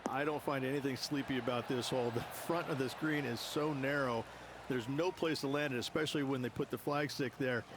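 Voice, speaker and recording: A man's voice: medium pitch, fairly even intonation, a little fast, noisy background. A man giving golf commentary as an analyst, explaining play in a conversational way.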